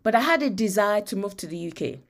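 A Nigerian woman gives motivational faith teaching with personal testimony, speaking emphatically, repeating phrases, and checking in with listeners. Her voice is medium-pitched with lively intonation, and she talks fast.

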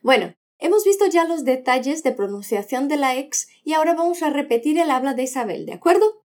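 A woman with a high voice teaches a podcast language lesson, and her pitch swings widely as she talks. She is patient and models words slowly for the listener to repeat. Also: expressive, darkish tone. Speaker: Spanish teacher.

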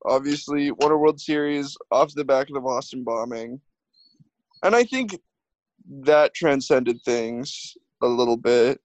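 A man's voice: mid-range voice, measured pace, no room sound, rough recording. A man hosting a sports podcast in casual chat, wry and teasing, moving between topics. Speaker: podcast host.

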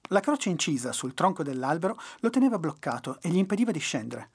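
Animated, husky storyteller. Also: medium pitch, fast talker. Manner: expressive, animated reading. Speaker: podcast storyteller. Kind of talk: storybook narration.

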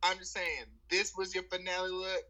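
A co-host in casual chat, expressive and blunt, laughing often. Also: mid-range voice, normal speed, rough recording.

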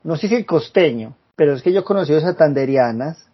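A man's voice: a little high, expressive, brisk, breathy edge, highs cut off. A man co-hosting a podcast, chatting casually and laughing often. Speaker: podcast co-host. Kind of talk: casual chat.

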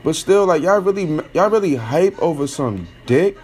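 A man's voice: fairly high pitch, animated, normal speed. A young man ranting bluntly in casual slang, mocking his listeners as a podcast host. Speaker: podcast host giving opinions. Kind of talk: casual opinion rant.

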